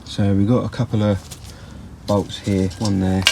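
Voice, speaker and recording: Low gravelly man narrating car repair. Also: little pitch movement, measured pace, very noisy. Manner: rambling, plain-spoken, self-correcting. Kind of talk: casual workshop commentary. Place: outdoors in a yard.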